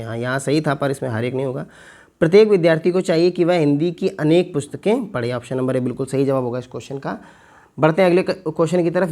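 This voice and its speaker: A male teacher working through an exam paper, repeating words slowly to spell them out and asking his viewers questions. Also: fairly high pitch, dark tone. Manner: slow, stretched repetition of words to spell them out; addresses viewers as friends, asks them questions. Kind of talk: exam paper walkthrough lesson.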